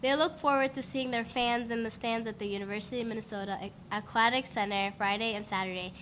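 A woman's voice: on the high side, fairly even intonation, fast talker, fairly bright tone, a little hiss or hum. A teenage girl anchoring scripted school announcements, bantering and lightly wry. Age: teens.

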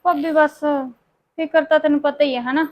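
A woman playing a modest, dutiful married sister visiting her family, with a Punjabi accent and soft, polite replies. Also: high voice, fairly even intonation, moderate pace, muffled recording, close to an everyday voice. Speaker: visiting sister in a short film. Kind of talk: village family drama acting.

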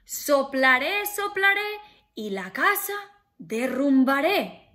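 A woman voicing a loud, menacing male wolf in a children's story, drawing out her threats. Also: sing-song, heavily acted. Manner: booming, drawn-out threats.

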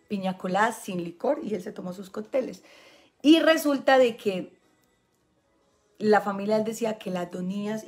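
A woman with a Medellín Colombian accent, telling a personal story to her online audience in a chatty way and laughing often. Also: mid-range voice. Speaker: spiritual healing coach.

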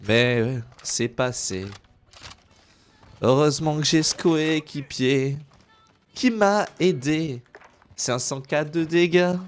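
A man's voice: on the high side, slow, long pauses, slight background noise. A man streaming a shooter game, joking with his chat in casual commentary, making sound effects and slipping into mock English. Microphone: gaming headset.

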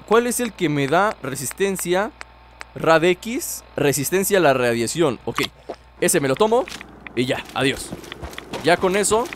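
Excitable young gamer man, high voice. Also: a little hiss or hum. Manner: excitable, jokey, talks to viewers, yells when startled. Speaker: gaming YouTuber. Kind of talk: let's play commentary.

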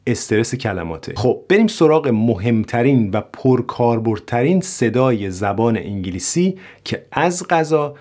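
Guy teaching pronunciation on video, says each word a few times, clear and steady. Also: mid-range voice. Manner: clear, models words slowly and repeats them. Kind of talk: video lesson.

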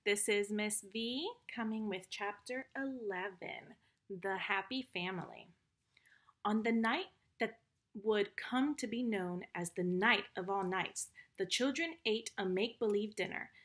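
A woman reading a children's story chapter aloud, gentle and affectionate. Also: mid-range voice, unhurried.

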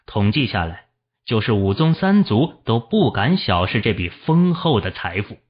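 A man reads a fantasy novel aloud as an audiobook narrator, telling the story steadily. His voice is low and somewhat husky, and the recording sounds dull and lo-fi. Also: normal speed. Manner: steady storytelling, voicing the characters.

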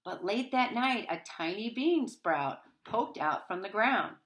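A middle-aged woman reads a picture book aloud to young children, expressive and dramatic in her emphasis. Her mid-range voice is slightly bright and slow, heard indoors in a small wood-panelled room at home.

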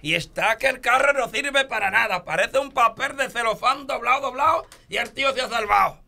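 A man telling a comic joke at an even pace, voicing its dialogue. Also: very high-pitched, a little fast, gravelly. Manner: steady storyteller voicing dialogue. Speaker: comedian telling jokes.

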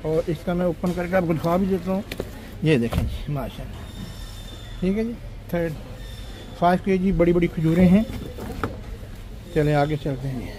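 Guy vlogging in a supermarket on his phone, kinda high voice, lots of shop noise. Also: moderate pace, pauses often. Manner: chatty, lists prices, says "ji" and "janab". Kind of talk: casual shopping vlog walkthrough. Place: supermarket aisles. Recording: noisy shop background.

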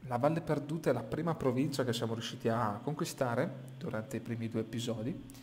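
Speaking fairly quickly in a medium-pitched, somewhat dark voice, a gaming YouTuber thinks aloud over casual gameplay. The bare little indoor room echoes, and background noise comes through clearly.

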